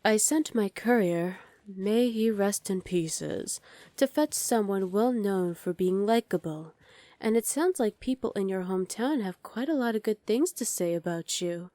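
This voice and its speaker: In an ASMR roleplay, a woman plays a dominant evil sorceress queen, scheming as she commands and condescends with cool, threatening menace. Her mid-range voice has a dark tone and lively intonation, and she takes her time. The sound is natural with no echo.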